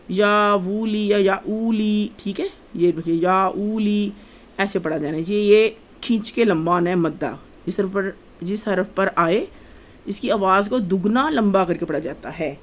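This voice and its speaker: Woman, Quran teacher, repeats rules, spells syllables slowly, mid-pitched voice. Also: fairly bright tone. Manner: repeats each rule and spells out syllables, drawing out vowels. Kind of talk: slow step-by-step lesson for children.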